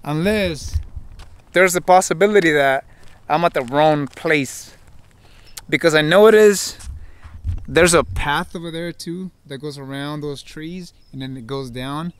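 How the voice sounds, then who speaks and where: Outdoors on an open, brushy hillside, a man in his twenties films a casual exploring vlog with a handheld camera at arm's length. Thinking aloud to his viewers, he speaks in a fairly high, smooth voice at a measured pace.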